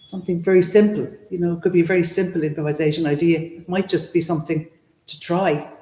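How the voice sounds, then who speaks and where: A man with a high, mellow voice offers an idea to the panel, hedging it with "maybe" and "perhaps". The room is echoey, with a long reverb behind him. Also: fairly even intonation, fast talker. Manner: tentative, suggesting. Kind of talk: panel discussion.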